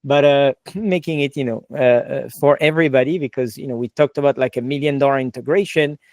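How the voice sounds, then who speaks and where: A man's voice: mid-range voice, brisk, darkish tone, no echo, clean studio sound. French-accented man hosting a podcast. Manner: chatty, lots of "like" and "you know", enthusiastic. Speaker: podcast host. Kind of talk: casual interview chat.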